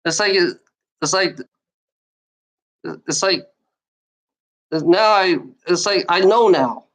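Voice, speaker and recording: A woman streamer who stutters rants at the trolls in her chat, rambling and repeating herself, restarting phrases and swearing. Her voice is lowish with a fairly bright tone and drawn-out words, and the audio quality is poor.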